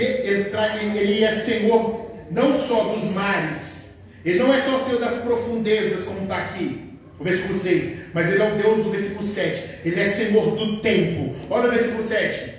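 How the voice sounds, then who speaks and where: A man preaching an animated sermon, acting out God's lines in his own voice and rising to shouts. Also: high voice, a little hiss or hum. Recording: echoey room, voice from far off.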